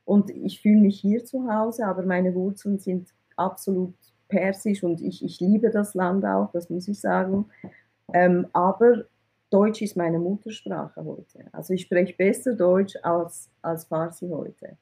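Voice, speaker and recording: An IT recruitment consultant from Iran answers interview questions candidly in a lowish, husky, mellow voice, speaking unhurriedly with fairly even intonation on a rough recording. She repeats words while searching for them and ends her points with the questioning tag "oder?".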